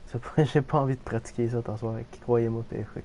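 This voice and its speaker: A man's voice: mid-range voice, steady tone, a little fast, warm tone, a little hiss or hum. A man with a Québécois French accent, casually commenting on a game for viewers and swearing freely. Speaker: game streamer.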